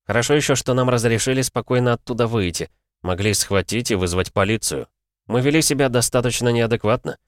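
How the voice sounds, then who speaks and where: A man voicing a calm, self-possessed male Interpol expert in an audiobook, measured and explaining. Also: mid-range voice, no echo, clean studio sound, pitched above the performer's own voice, lightly acted.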